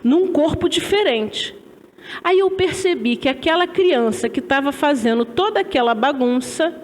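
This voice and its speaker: A woman from Brazil giving a spiritist religious lecture in a lecture hall, animated and chatty as she tells stories. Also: fairly high pitch.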